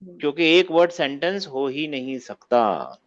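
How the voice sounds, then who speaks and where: Male online teacher, slightly high, keeps asking the class for confirmation, lo-fi call sound. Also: lively intonation, measured pace. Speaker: Arabic teacher. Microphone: video call. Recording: muffled lo-fi call audio.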